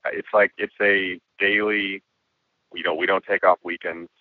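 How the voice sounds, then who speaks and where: A man with a hoarse voice, a guest musician and filmmaker talking reflectively in a casual interview. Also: low-pitched, level tone, measured pace, dry recording. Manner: reflective, with frequent restarts and laughs. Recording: tinny phone-like line.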